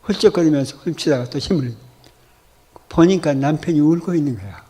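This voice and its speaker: A man's voice: on the high side, lively intonation, a little fast, warm tone, slightly rough. A male pastor preaching in a church, telling a vivid story and acting out the dialogue. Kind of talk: storytelling sermon.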